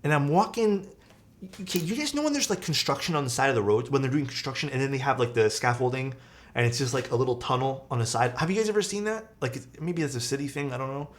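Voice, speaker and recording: Reading through viewer comments on his livestream, this thirty-something keyboard builder vents and rambles, full of fillers and the odd swear word. He talks quickly and animatedly in a mid-range voice.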